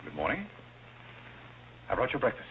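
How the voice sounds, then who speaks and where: An actor playing a courteous, unflappable butler, trading 1930s screwball comedy banter with polite deadpan understatement. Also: male voice, medium pitch, normal speed, a little hiss or hum. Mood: dry, courteous. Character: courteous, dryly amused new butler, unflappable. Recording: thin tinny old film soundtrack, music behind.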